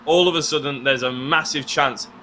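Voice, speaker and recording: A man giving excited live race commentary as lead commentator, his voice going hoarse and breaking into shouts at overtakes. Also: medium pitch, moderate pace, slight background noise. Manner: excitable, builds to shouts at passes.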